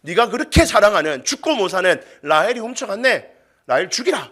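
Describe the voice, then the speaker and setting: A greedy, domineering father-in-law barks harsh commands and gloats, his voice raised and bright, in a preacher's telling. He orders people around with no softness. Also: high-pitched, very animated, a little fast, husky, pitched above the performer's own voice, full character voice. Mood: gloating. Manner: commanding, loud demands.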